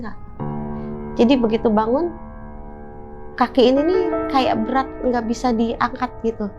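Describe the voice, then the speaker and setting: Woman telling her ghost story, chatty and casual, kinda high voice, muffled lo-fi sound. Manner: chatty, keeps addressing the listener as "Kak". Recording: dull lo-fi recording.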